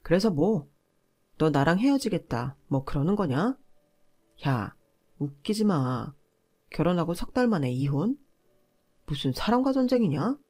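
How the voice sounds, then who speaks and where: A woman's voice: low voice, very animated, measured pace, long pauses, mellow, full character voice. A woman voicing an arrogant young husband who lectures his wife with contempt. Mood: mocking.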